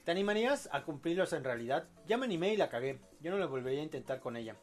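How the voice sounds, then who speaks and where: A man's voice: fairly high pitch, sing-song, rapid-fire, soft background music. Talkative man hosting podcast. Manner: rambling, joking, reads posts aloud. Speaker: podcast host. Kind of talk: casual live-show chat, reading audience posts.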